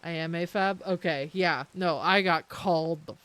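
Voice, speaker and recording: Chatty Canadian woman streamer, lowish voice. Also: moderate pace, fairly bright tone, clear, resonant tone. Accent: Canadian, with some British-sounding words. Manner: rambling and self-interrupting, laughs often. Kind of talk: casual chat with live chat while gaming.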